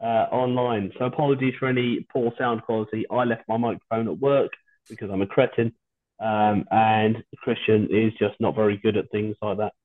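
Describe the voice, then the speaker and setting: Man on a tinny low-quality Zoom stream. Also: flat delivery, normal speed. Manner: hesitant, frequent ums and restarts. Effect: low-quality Zoom stream audio. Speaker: podcast host. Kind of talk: casual podcast chat. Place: at home. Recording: tinny phone-like video call line.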